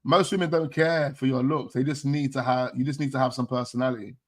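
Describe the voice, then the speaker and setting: A man's voice: mid-range voice, fairly even intonation, fast. A man hosting a casual live-stream chat, slangy, loose and jokey, laughing often. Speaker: host of a fan channel stream.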